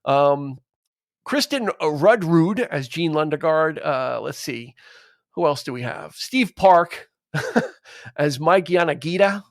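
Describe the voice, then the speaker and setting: A man co-hosting a casual podcast, rambling and animated as he talks through a film. His voice sits a little high, and the sound is dry and close. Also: takes it slowly, no echo. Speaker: podcast co-host. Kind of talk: casual chat.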